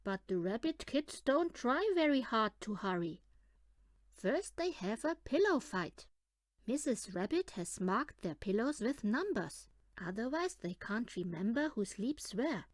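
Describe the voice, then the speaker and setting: A woman reads a children's picture book aloud, her pitch swooping in a lively way and her delivery unhurried. The sound is close and dry with no echo, and her storytelling is animated and deliberate for young children.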